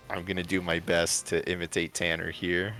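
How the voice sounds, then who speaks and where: This man's voice is low and a bit bright as he narrates a fan fiction story on a livestream. He reads with expression, tosses in casual asides, and has music playing behind him.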